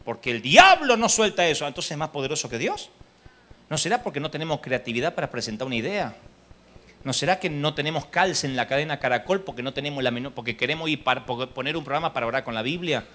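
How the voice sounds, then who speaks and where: Speaking quickly in a mid-range voice, a man with a Rioplatense Spanish accent gives a comedic sermon at a live church conference. Stories pour out of him, complete with acted-out dialogue.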